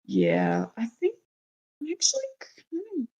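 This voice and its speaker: A woman's voice: very high voice, huge pitch swings, unhurried, creaky, warm tone. A woman chatting casually and playfully as a player in a tabletop game.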